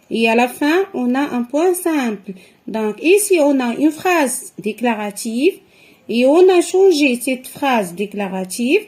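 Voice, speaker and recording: A woman's voice: fairly high pitch, darkish tone. A woman teaching a grammar lesson to young children, explaining patiently and repeating each step. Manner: slow, patient explaining with repetitions.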